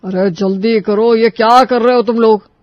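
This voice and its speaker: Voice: mid-range voice, fairly even intonation, moderate pace, dry recording, muffled recording, lightly acted. Voicing a grumpy scolding father. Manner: scolding, gruff. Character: stern, grumpy middle-aged father.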